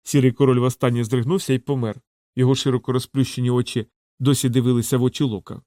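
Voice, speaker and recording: A man narrates a fantasy audiobook in a dramatic, measured storytelling manner. His voice sits at an ordinary middle pitch. The sound is dry and close, with no room echo. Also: level tone, mellow. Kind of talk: scripted narration.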